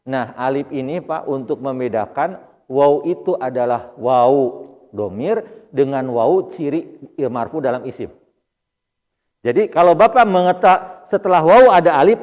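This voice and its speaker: Sundanese-accented ustadz teaching in a mosque. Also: male voice, on the high side, a little mellow. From Indonesia. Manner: explains patiently, often addressing listeners as "Pak". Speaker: Arabic grammar teacher (ustadz). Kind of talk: mosque study-circle lesson. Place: mosque hall. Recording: long reverb in a mosque hall.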